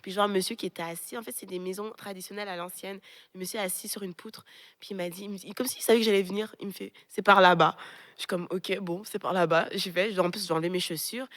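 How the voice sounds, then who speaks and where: A young Frenchwoman, pastor and co-host, telling a story in a lively casual way and acting out the voices of people she quotes. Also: medium pitch, very fast. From France. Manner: lively, animated retelling with quoted voices and laughter.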